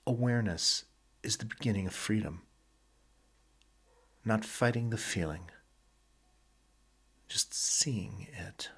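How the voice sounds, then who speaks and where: Narrating sleep hypnosis, this man's low-leaning, fairly bright voice is husky and breathy. He takes his time, delivering each phrase in a calm, measured way, with brief pauses in between.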